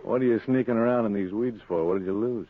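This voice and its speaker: A tinny old radio recording with faint noise carries a man acting a menacing gunman. His voice is on the low side. He questions coolly and suspiciously, with needling sarcasm, in vintage radio-drama style. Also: fast talker, crowd noise, close to an everyday voice. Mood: cool menace. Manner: needling, interrogating.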